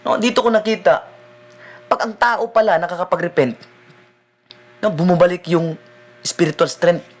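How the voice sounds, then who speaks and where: A man, a deliverance minister preaching a sermon in a conversational way, often checking in with the listeners with a quick "no?". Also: high voice, steady tone, lo-fi sound. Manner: conversational preaching, mixing in English phrases, frequent "no?" tag questions.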